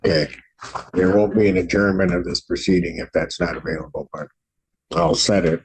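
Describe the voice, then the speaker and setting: A man speaking as a judge, giving rulings from the bench in a formal, deliberate way. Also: low voice, level tone, slight background noise, rough recording.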